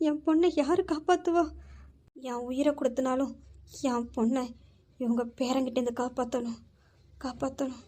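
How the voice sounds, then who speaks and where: A woman's voice: sits high, flat delivery, moderate pace, long pauses, a little mellow, close to an everyday voice. A woman voicing a timid middle-aged housemaid mother who pleads hesitantly with her employer. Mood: pleading.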